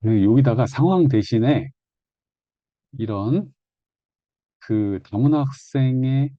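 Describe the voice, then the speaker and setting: A man's voice: medium pitch, animated, slow, no room sound, highs cut off. A man giving an online exam-prep lecture in a conversational, repetitive teaching manner, often correcting himself mid-phrase.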